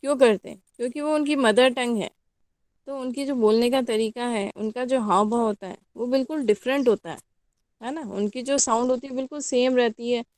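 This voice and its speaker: A woman's voice: a little high, normal speed, a little mellow, dry recording. A woman with an Indian accent, a college teacher giving a classroom lecture and often asking her students questions. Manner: explains in mixed Hindi and English, asks the class questions.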